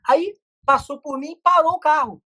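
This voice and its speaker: A man's voice: extremely high pitch, bright, forceful tone. A middle-aged man, a podcast guest telling stories in casual chat with many restarts. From Brazil. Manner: rapid storytelling with many restarts.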